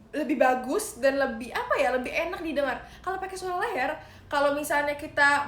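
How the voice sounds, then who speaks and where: High-voiced young woman chatting on a livestream. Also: fairly bright tone. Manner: chatty, playful, addresses viewers as guys, sings short demo lines. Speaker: idol livestream host. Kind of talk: casual livestream chat giving singing tips. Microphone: phone livestream. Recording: roomy echo, faint background noise.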